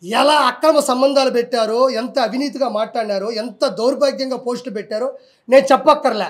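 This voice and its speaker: A man's voice: extremely high pitch, a little fast. A man, speaking combatively and defiantly in a heated political interview.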